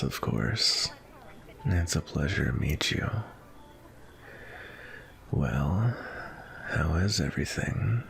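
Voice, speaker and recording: Sebastian, a deep, gravelly vampire acted by a man. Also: heavily acted. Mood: courteous, relaxed. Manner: polite, unhurried, flirtatious. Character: suave, courteous, centuries-old male vampire on a date. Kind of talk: ASMR roleplay, intimate and softly spoken.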